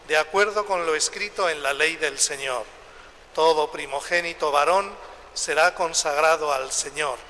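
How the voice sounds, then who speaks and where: A priest with a fairly high, bright voice speaks very slowly and deliberately, often tagging a questioning "eh?" onto his points. His words hang in the long echo of a large church, with faint noise underneath. The delivery is calm and steady, as at Mass. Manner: slow, measured, adds a questioning "eh?". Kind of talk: Mass reading and homily.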